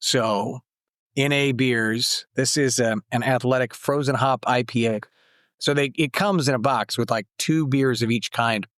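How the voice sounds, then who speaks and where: A man's voice: medium pitch, a little slow, fairly bright tone, no room sound, clean studio sound. Easygoing man co-hosting a podcast. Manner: easygoing, chatty. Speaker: podcast co-host. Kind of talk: casual chat.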